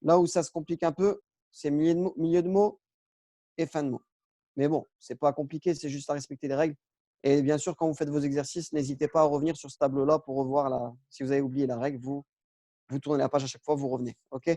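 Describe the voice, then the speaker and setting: A man teaching a relaxed lesson, patient and step by step, with frequent fillers and self-corrections. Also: fairly high pitch, fast, no room sound, clean studio sound. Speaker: Arabic teacher. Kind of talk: casual lesson on Arabic spelling.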